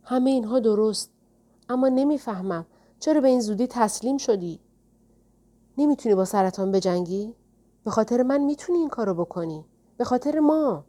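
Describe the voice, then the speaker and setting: A woman's voice: on the high side, pauses often, darkish tone, natural voice. Woman doing an anxious housewife in an audiobook, voice pushed up and pleading. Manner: urgent, pleading tone. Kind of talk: audiobook character reading.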